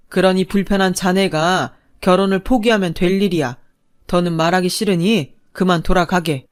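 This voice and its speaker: A woman's voice: fairly low pitch, a little mellow, close to an everyday voice. A woman voicing a stern, wealthy older father-in-law who scolds in old-fashioned, authoritative speech, in a storytelling narration.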